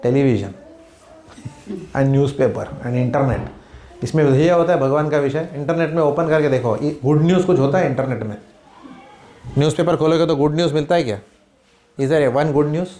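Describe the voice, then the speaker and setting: An Indian man from Bombay leads a devotional class in a home, his voice mellow and fast-paced. He peppers his teaching with quick questions to the group and checks in with "hmm?" and "right?". The room adds a noticeable echo. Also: on the high side. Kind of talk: spiritual class talk mixing English and Hindi.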